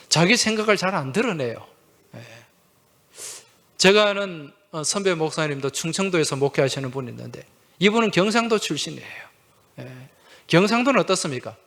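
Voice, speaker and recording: A male pastor with a fairly high, somewhat bright voice gives a Sunday sermon, speaking slightly raised. He keeps things conversational, asking the congregation questions and answering himself with a quick "yes", and slips in humorous anecdotes easily.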